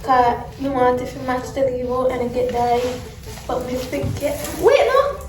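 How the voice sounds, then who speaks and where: A young Jamaican woman banters in thick everyday Patois. Her voice is high, and she argues by repeating phrases emphatically. She is recorded away from the mic in an echoey room, with music clearly behind her. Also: level tone, moderate pace, distant mic. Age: young adult. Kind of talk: casual bantering chat.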